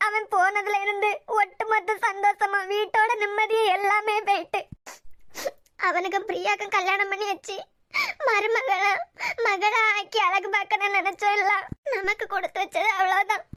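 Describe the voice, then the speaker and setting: A woman's voice: very high-pitched, steady tone, fast talker, no echo. A woman with a Kanyakumari Tamil accent voicing a grieving, anxious middle-aged mother in a cartoon web series, lamenting tearfully.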